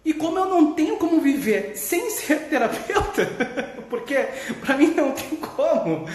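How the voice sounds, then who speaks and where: A man with a Gaúcho Brazilian accent, a therapist talking candidly in a casual vlog, swearing freely and laughing as he talks. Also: extremely high pitch. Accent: Gaúcho Brazilian Portuguese. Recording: echoey room.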